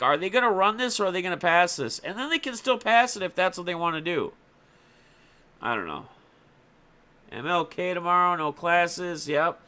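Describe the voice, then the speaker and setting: A man's voice: high voice, bright, forceful tone, clean tone. A young man hosting a casual sports talk livestream, chatting loosely about football and answering viewers in the chat by name. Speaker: livestream host.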